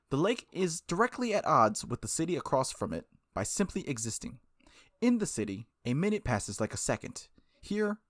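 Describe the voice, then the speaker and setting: A man with a medium-pitched voice hosts a gaming video, chatting casually in let's play style and reading aloud. He's playful and exclamatory, often cutting himself off mid-thought. There's no room sound.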